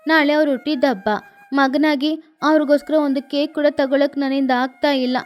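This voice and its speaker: A woman voicing a sad, gentle young boy crow in a cartoon, speaking in an earnest, plaintive way. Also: high-pitched, little pitch movement, moderate pace, lightly acted. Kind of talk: cartoon voice acting.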